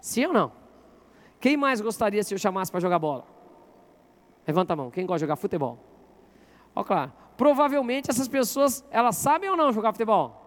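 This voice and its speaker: A male pastor with a very high-pitched voice delivers a sermon in church. He talks with the crowd, asking questions and telling them to turn to the person beside them. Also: big pitch swings, fairly quick, long pauses. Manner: interactive, asks the congregation questions.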